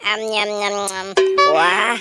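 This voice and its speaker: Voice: mid-range voice, little pitch movement, takes it slowly, voice pushed down, natural voice. A performer voicing a greedy chubby boy hero in a clown skit, with a whiny, groaning comic manner. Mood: gleeful. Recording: loud music bed under voice.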